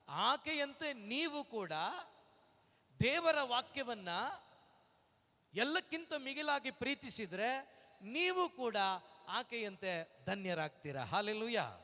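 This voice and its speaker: Very high-voiced, bright and pushed, with lively intonation, this preacher delivers a Pentecostal-style sermon. He asks the congregation rhetorical questions, shouts hallelujahs between lines, and slips into slow singing, all echoing with long reverb in a hall.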